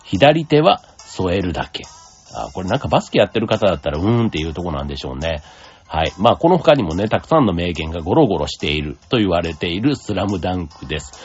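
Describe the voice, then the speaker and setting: A low-voiced man with a husky edge rambles through a relaxed solo talk, his pitch rising and falling in lively swings. The sound is dull and lo-fi, with faint music underneath. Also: fast. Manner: relaxed, rambling, many fillers. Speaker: podcast host.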